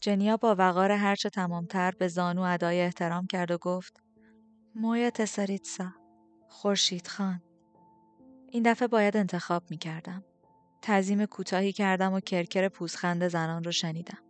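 A woman narrating a novel in the first person, with a steady, even storytelling delivery. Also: fairly low pitch, smooth, soft background music. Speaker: audiobook narrator.

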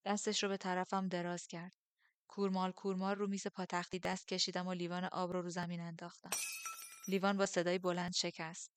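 A woman narrating a first-person novel as an audiobook, measured and steady. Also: lowish voice, background noise.

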